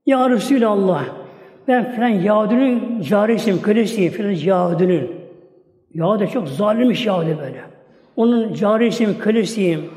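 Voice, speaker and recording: A man's voice: sits high, moderate pace, darkish tone, close to an everyday voice. A man voicing a frightened young slave girl who pleads as she tells what happened. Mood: pleading, scared. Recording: echoey hall reverb.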